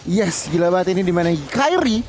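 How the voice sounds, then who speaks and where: High-pitched Indonesian man, casual game commentator. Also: very animated, quick pace, slight background noise. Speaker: esports co-commentator. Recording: music behind the voice.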